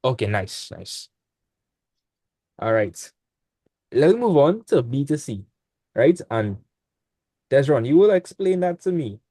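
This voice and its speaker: A man's voice: medium pitch, very animated, takes it slowly, long pauses, warm tone, no echo. A young man, tutoring maths in a casual online class. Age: young adult. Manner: casual, laid-back teaching with dialect speech. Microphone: video call.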